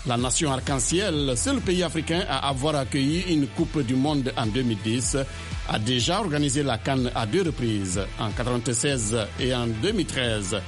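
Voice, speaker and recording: Brisk male sports newsreader. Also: medium pitch, soft background music. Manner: brisk announcer delivery. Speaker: sports news presenter. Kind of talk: reading sports news.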